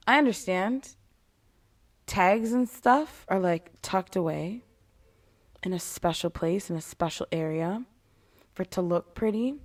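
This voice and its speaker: A woman giving a casual, candid monologue in a blunt way, with casual swearing and sarcastic, exasperated asides. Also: mid-range voice. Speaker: retail worker giving advice to customers.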